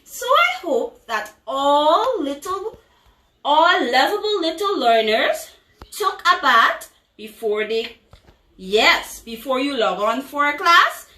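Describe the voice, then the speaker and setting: Female preschool teacher, high and slow, overbright singsong questioning for little children, recorded off-mic in an echoey room. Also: very animated, pushed and bright. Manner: overbright, exaggerated kids-host delivery with singsong questions. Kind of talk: children's lesson, call-and-response. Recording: echoey room, distant microphone.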